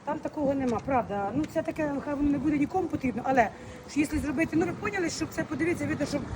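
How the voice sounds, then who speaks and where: A woman's voice: high voice, racing, background noise. Chatty woman vlogging on the street. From Ukraine. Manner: chatty, affectionate, mixes Ukrainian and Russian words. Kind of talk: walking vlog to followers. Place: outdoors on city streets, then in a clinic hallway.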